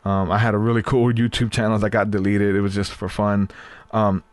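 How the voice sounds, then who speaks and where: A thirty-something podcast host chats casually and rambles, repeating words and using plenty of fillers, his voice getting tired from talking at length. His voice sits on the low side, level and brisk. There is no room sound.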